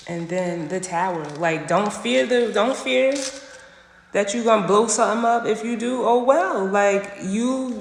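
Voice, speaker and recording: Lady doing a tarot reading live on her phone, keeps repeating herself for emphasis, slangy, echoey room with a long ring to it. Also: fairly low pitch. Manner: emphatic, repeats phrases, slangy direct address. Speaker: tarot reader. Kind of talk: casual livestream tarot reading. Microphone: phone livestream. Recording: echoey room with long reverb, faint noise.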